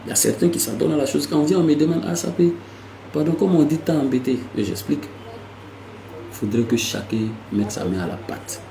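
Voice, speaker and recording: A man hosting a casual language lesson, lively and repetitive, with playful asides. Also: fairly high pitch, brisk, gravelly, reverberant, slight background noise, poor audio. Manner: lively, repeats words, slips into playful asides. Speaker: language teacher hosting a segment.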